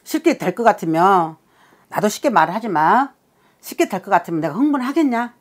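A woman's voice: medium pitch, lively intonation, brisk. A woman shaman giving a blunt, scolding consultation, swearing and bursting into emphatic outbursts. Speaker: shaman fortune-teller.

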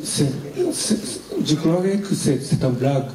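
A middle-aged man from Japan with a Japanese accent, speaking halting, broken French with repeated words in a comic stage introduction. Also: medium pitch, lively intonation. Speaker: film festival guest speaking on stage. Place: large cinema hall stage. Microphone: handheld microphone. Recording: echoey noisy hall, from far off. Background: loud audience.

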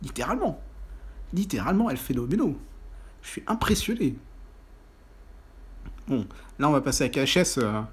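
Excitable husky man commentating gameplay. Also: fairly high pitch, moderate pace, long pauses. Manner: excitable, breaks into shouted exclamations and "aïe aïe aïe". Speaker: gaming YouTuber. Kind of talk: mobile football gameplay commentary.

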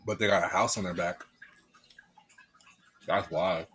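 A man's voice: deep voice, steady tone, measured pace, a bit bright, breathy edge. A man hosting a mukbang and chatting casually with his son while his mouth is full of pizza, laid-back and chatty. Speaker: mukbang host and father. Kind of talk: casual chat while eating on camera.

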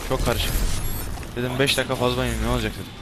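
A man doing casual let's-play commentary, crude and swearing, with loud angry outbursts at the game. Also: medium pitch, flat delivery, racing, noisy background. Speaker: gameplay commentator. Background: game music and sound effects.

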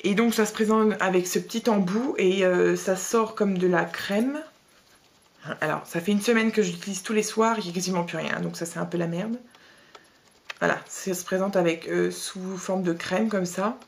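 A woman's voice: mid-range voice, normal speed, creaky. A young woman vlogging a casual beauty box review, chatty and blunt, with slangy asides and lots of fillers.

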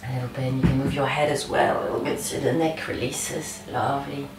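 Female yoga instructor, deep voice, encouraging cues; distant mic, strong room echo. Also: fairly even intonation, brisk. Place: yoga studio. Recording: echoey room from far off, music behind.

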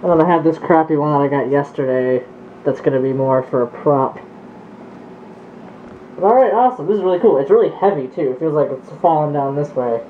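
A young man vlogging at home, talking casually and excitedly while muffled through a gas mask. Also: on the high side, a little fast, reverberant, slight background noise. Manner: excited, chatty, thinking aloud with fillers. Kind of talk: casual vlog chat.

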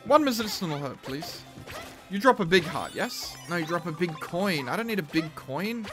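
Animated, sweary gamer with music behind. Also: mid-range voice, normal speed. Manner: sweary, exclamatory self-talk to the game. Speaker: video game streamer. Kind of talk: gaming commentary, casual and reactive.

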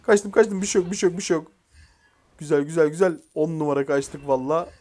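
A young man commentating his own mobile game match, excitedly shouting commands at teammates and venting frustration. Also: on the high side, fast. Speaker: gaming YouTuber. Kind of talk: live gameplay commentary.

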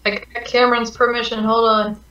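A woman's voice: a little high, flat delivery, a little fast, sharp tone. A woman chatting casually with friends on a group voice call, sometimes stumbling and restarting as she steers the talk. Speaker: script writer in a friends' Discord call. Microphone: voice chat headset or desk mic. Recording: distant, echoey, dull voice-chat audio.

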